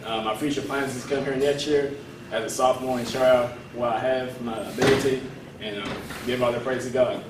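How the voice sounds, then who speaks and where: A man's voice: medium pitch, fairly even intonation, fairly quick. A young man from Warren County, a college basketball player, introducing himself earnestly with a few fillers. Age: young adult. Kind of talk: short self-introduction to camera. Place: gym hallway, indoors. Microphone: far camera mic. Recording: echoey hallway from far off, noisy.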